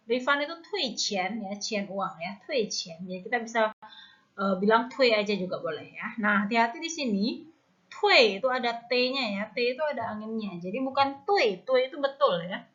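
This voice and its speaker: Teaching Mandarin online, this Indonesian-accented woman speaks at normal speed in a slightly high, expressive, somewhat bright voice. She patiently walks through each step and keeps tagging phrases with "ya", all captured in dull lo-fi audio.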